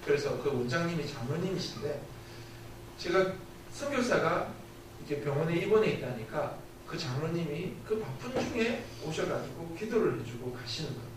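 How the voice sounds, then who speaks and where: A man's voice: a little high, animated, moderate pace, noisy background. A man preaching a sermon as a missionary, giving an earnest testimony and asking the congregation rhetorical questions. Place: church sanctuary. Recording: very echoey church hall, distant.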